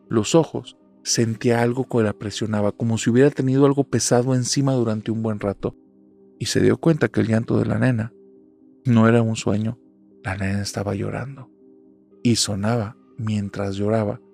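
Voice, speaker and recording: A man's voice: lowish voice, creaky, darkish tone. A man narrating a horror story in a suspenseful, dramatic telling. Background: faint music.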